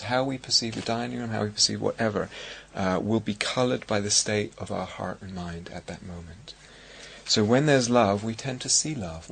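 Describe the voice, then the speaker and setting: Middle-aged english guy giving a dharma talk, slow and halting, kinda gravelly, low faint noise behind. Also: bright, forceful tone. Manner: reflective, halting with many restarts and fillers. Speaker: meditation teacher. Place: meditation hall at a retreat centre.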